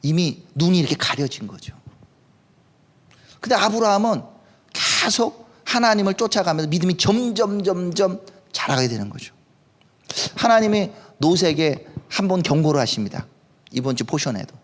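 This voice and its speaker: A man's voice: high voice, sing-song, moderate pace. A male pastor preaching a sermon at a live service in a worship hall, in a conversational way, often putting questions to the congregation.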